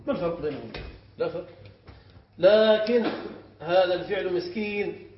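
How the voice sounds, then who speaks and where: A male sheikh gives a classroom lesson on Arabic morphology, explaining step by step and quizzing his class with quick questions. His voice is high, and the echoey room recording sounds muffled with a faint hiss.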